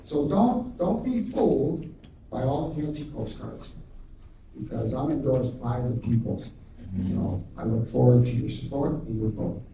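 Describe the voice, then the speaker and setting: A man's voice: mid-range voice, lively intonation, a little slow, dark tone. An older man giving blunt, wry, folksy campaign remarks, talking out of the side of his mouth after recent surgery. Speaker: political candidate. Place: indoor public debate venue. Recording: distant, very echoey room, faint noise.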